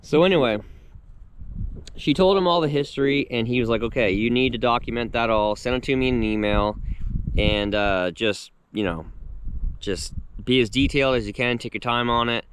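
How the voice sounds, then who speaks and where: A man in his thirties tells a story to the camera outdoors, his voice mid-pitched and lively as he acts out what others said. Faint background noise sits under his voice. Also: normal speed. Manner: animated retelling, acting out quotes. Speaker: vlogger. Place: outdoors on his rural property with his dogs.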